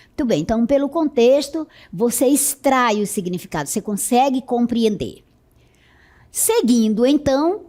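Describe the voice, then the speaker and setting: A woman teacher with a Brazilian Portuguese accent, giving a recorded lesson in a patient, explanatory way and checking in with her students often. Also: sits high. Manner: slow, explanatory, checks in with "certo?".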